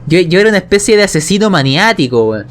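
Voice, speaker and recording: Talking fast with big swings in his high voice, a Chilean-accented man walks listeners through how he narrates as a game master, keeping it colloquial and often asking if they're following.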